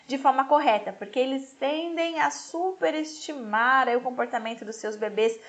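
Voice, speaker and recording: High-voiced Brazilian woman lecturing. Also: moderate pace. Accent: Brazilian Portuguese. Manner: didactic, frequent tag questions, lively emphasis. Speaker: lecturer in maternal mental health. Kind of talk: explanatory lecture on infant development.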